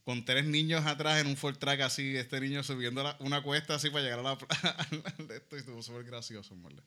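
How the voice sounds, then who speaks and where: A man's voice: medium pitch, fast talker, pushed and bright. A man, telling joking anecdotes in casual chat.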